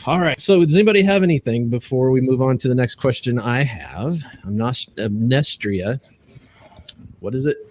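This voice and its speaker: A man hosting a casual podcast among game masters, relaxed and a little hesitant. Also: mid-range voice, normal speed, a little hiss or hum. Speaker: podcast host.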